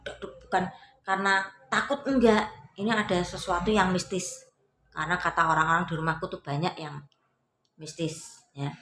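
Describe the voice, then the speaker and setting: A woman telling a personal story in a lively way, acting out other people's lines. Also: fairly low pitch, roomy sound, slight background noise. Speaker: vlogger.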